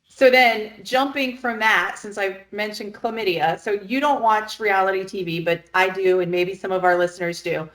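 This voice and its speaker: A woman in her thirties co-hosts a podcast, chatting casually in a mid-range voice at normal speed. She is blunt and frank and swears freely, and the recording has a roomy echo.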